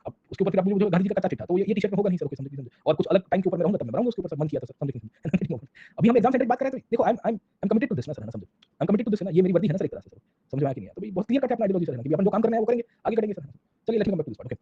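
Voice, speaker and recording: A man's voice: high voice, sing-song, racing, mellow, husky, dry recording. A man teaching a casual online history lecture in speech, constantly checking in with "sir, samjhe?". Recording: dull lo-fi sound.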